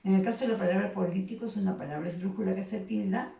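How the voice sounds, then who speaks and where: A woman's voice: mid-range voice, fairly even intonation, fast, vocal fry, warm tone, recorded from a distance. A woman teaching a secondary school grammar lesson, explaining patiently and checking in with frequent tag questions. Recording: echoey room, voice off the mic.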